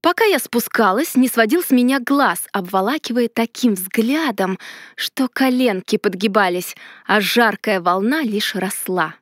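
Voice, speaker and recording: A woman narrating a first-person fantasy romance audiobook in a lively, expressive way. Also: fairly high pitch, measured pace, no room sound, studio quality.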